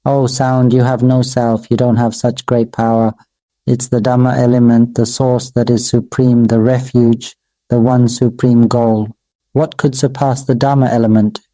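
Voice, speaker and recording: Flat, dark-voiced monk giving a sermon. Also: male voice, mid-range voice, no room sound, low-quality recording. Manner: slow, measured, repetitive incantatory phrasing; addresses his own voice as "Mister Voice". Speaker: Buddhist monk. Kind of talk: Buddhist dharma sermon.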